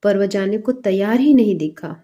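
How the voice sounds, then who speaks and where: A woman storyteller reading a literary short story aloud with calm, steady narration. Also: mid-range voice, normal speed.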